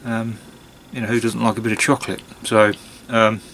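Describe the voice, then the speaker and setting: A man chatting casually on his own in a hesitant, musing way, with long pauses and trailing phrases. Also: medium pitch, level tone, gravelly, fairly bright tone, slight background noise, rough recording. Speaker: pipe-smoking vlogger. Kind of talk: casual monologue to camera.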